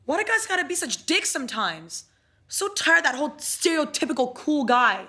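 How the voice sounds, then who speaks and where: A woman's voice: sits high, quick pace, pushed and bright. A bitter, scornful young woman.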